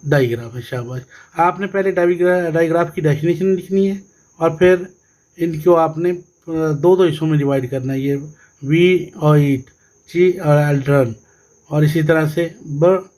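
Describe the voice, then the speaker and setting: A man teaches an English phonics lesson, breaking words into sounds and saying them over. His voice sits a little high, and he takes his time. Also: darkish tone, poor audio. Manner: slow, spelling words out sound by sound and repeating them.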